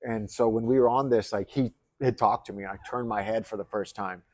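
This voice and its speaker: A man's voice: on the low side, steady tone, fairly quick, darkish tone. A man co-hosting a podcast in casual chat, laid-back, with lots of "like" and swearing. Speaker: podcast co-host. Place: resort retreat room.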